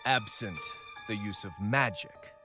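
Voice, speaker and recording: An actor voicing a formal, accusing court magistrate in a video game, with declamatory delivery. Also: male voice, on the low side, unhurried, bright, forceful tone, faint music behind.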